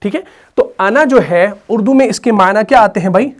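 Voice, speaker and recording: A man with an Urdu accent and a high voice teaches the rules of Quran reading at a moderate pace. His lesson is patient and explanatory, mixing slow chanted recitation with frequent checks that his students are following.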